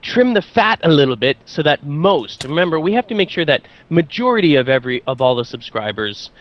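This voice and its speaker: Man, co-host, casual update over a call, slightly high voice, rambling and upbeat. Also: big pitch swings, brisk, dull audio. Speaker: channel co-host. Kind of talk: casual channel update chat. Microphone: remote call audio.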